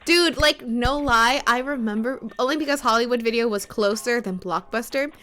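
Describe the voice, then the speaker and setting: A woman's voice: fairly high pitch, normal speed, sharp tone. A woman from Texas streaming a game on a headset mic, chatting and laughing often as she reads along. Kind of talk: live game stream commentary and reading.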